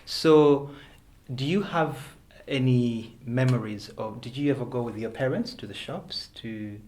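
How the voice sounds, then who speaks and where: A man hosting a talk show greets his guest with effusive enthusiasm and keeps chiming in with warm affirmations. His voice sits at an everyday middle pitch. He asks questions in an upbeat, encouraging way. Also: a little slow, a little hiss or hum. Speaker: podcast host. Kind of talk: interview conversation.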